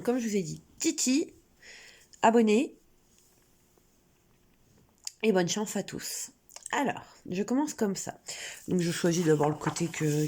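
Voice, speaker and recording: A woman with a low, gravelly voice and a cold, sniffling now and then as she chats about coloring. Her tone is dark and somewhat husky, and she talks casually, stopping often for fillers. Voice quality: chatty, hesitant with many fillers. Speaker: coloring channel creator. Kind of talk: casual crafting vlog.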